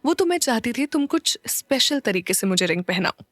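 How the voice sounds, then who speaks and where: A woman's voice: a little high, very animated, fairly quick, no room sound. A smitten young bride, voiced by a woman narrator, teases and chirps in a raised, lighter voice. The storybook delivery is dry and close. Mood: playful. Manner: bright, playful, teasing.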